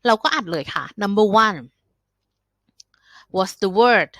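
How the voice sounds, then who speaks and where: A woman teacher explaining homework, modelling short English answers slowly and carefully with polite particles. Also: mid-range voice, a bit bright, no room sound. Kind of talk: explaining how to record homework.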